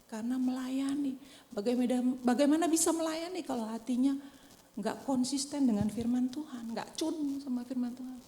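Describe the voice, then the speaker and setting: A woman's voice: high voice, moderate pace, warm tone. A woman pastor preaching in a conversational way, asking rhetorical questions and acting out quotes. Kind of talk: sermon. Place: church hall. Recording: echoey church hall reverb.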